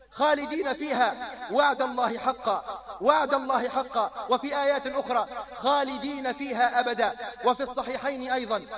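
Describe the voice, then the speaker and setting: A male preacher giving an impassioned sermon, driving his points home with repeated rhetorical lines. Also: extremely high pitch.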